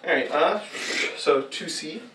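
This young man's voice is a little high and a bit bright, and he keeps a measured pace. In costume before a green screen indoors, he acts out fighting-game moves for the camera, chatting casually and giggling at himself. The distant camera mic captures an echoey room with a little hiss or hum.

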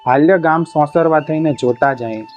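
A man's voice: on the high side, moderate pace, darkish tone, close to an everyday voice. A man voicing a bold, crafty middle-aged horseman who gives orders in a rustic village way. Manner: rustic, commanding village dialect. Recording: muffled with faint music behind.

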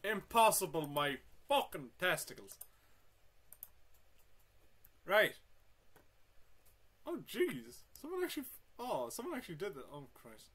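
A man's voice: high-pitched, a little slow, long pauses, breathy edge. Man yelping through a game. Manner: animated, swearing, talking to himself with sudden yelps. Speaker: gamer. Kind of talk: let's play commentary.

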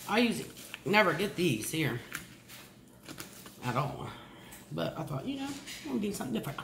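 A woman's voice: on the low side, big pitch swings, gravelly. A middle-aged woman, chatting casually to camera as she chews and talks with her mouth full. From Ohio, United States. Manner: chewing and talking with mouth full, mumbled pauses. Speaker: eating-show host. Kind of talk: casual chat to camera during a meal. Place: indoor room at a table. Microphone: camera across the table. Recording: roomy echo, faint background noise.

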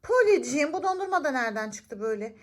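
A woman's voice: sits high, very animated, quick pace. A woman voicing a chatty, suspicious mother in a children's doll-play story, mildly scolding.

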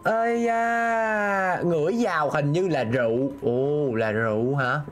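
A man's voice: medium pitch, expressive, moderate pace, slight background noise. A man streaming a game, talking himself through puzzles and reading viewers' messages aloud. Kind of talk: live gameplay commentary.

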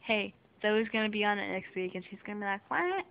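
A young girl films herself on a handheld camera in a small bedroom at home, chatting playfully in a goofy sleepover vlog and stretching out silly words. Her mid-range voice is creaky and swings widely in pitch, and the camera mic gives muffled lo-fi audio with faint hiss.

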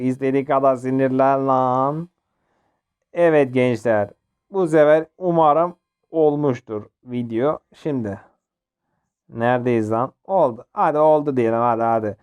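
A man's voice: medium pitch, clean tone. A young man giving casual, jokey commentary while playing a mobile game, often yelping and laughing. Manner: excitable, jokey, yelps and laughs during play. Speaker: gaming channel host.

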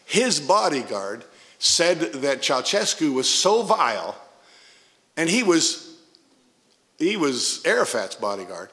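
Slow and sing-song, with long pauses, this older pastor speaks in a fairly bright voice on the high side. He has a Midwestern American accent and preaches in a church sanctuary over a pulpit microphone, weaving stories with emphatic asides.

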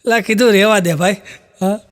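High-voiced Kathiyawadi comedian man. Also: steady tone, normal speed. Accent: Kathiyawadi Gujarati. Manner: storytelling full of "he said" tags. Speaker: stand-up comedian. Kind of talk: live stand-up joke telling.

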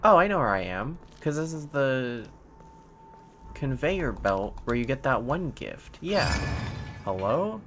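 Male horror game streamer, young, scared and jumpy, very lively intonation, sarcastic and sweary, game noise in the background. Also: medium pitch, slow pace. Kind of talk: horror game playthrough commentary. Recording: faint-to-clear game noise behind voice. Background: horror game ambience.

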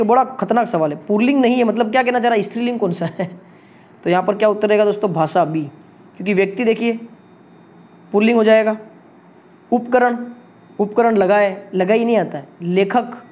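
A man's voice: high voice, darkish tone. A young Indian man, a coaching teacher who goes through exam questions and keeps quizzing his viewers. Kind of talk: solving test questions for viewers.

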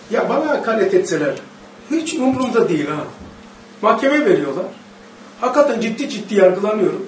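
A high-voiced man with a Turkish accent preaching a religious lesson with impassioned, emphatic bursts. He quotes Arabic verses and questions his audience. The recording is roomy and distant, with faint background noise. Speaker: religious teacher. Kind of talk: Quranic study sermon. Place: mosque or study hall. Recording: echoey hall, faint noise, distant mic.

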